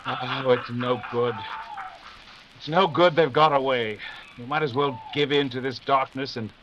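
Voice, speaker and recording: A man playing Sherlock Holmes, a brisk, self-assured detective, in formal, authoritative 1940s radio mystery style. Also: medium pitch, lightly acted. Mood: commanding. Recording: dull, noisy live radio-play recording.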